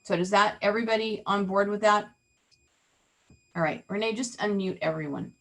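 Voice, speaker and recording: A woman with a medium-pitched, slightly bright voice and moderate pace hosts an interactive online real estate training via video call. She keeps it chatty and teasing, regularly turning questions to the group.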